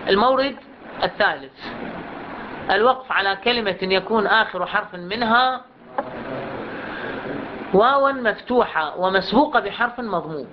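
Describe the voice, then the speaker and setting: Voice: medium pitch, lively intonation. Patient recitation teacher, lo-fi classroom recording. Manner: asks the class questions, then stretches out example words slowly to demonstrate. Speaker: teacher of Quran recitation rules. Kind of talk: classroom lesson. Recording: dull lo-fi recording with clear background noise.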